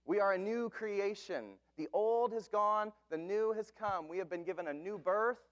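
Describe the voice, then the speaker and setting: A man in his thirties, a pastor, preaching an earnest sermon with slow, emphatic phrases. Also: high-pitched, a bit bright, dull audio.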